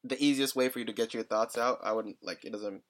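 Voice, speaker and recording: Speaking quickly in a mid-range, fairly bright voice, this young male podcast co-host keeps the chat casual. His delivery is halting, packed with "like," and broken up by small laughs.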